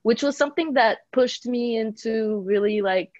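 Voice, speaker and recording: A woman's voice: a little high, moderate pace, darkish tone, no room sound, lo-fi sound. A young woman who grew up in Brazil, a singer-songwriter guest chatting casually on a podcast and laughing often. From Bulgaria, raised in Brazil.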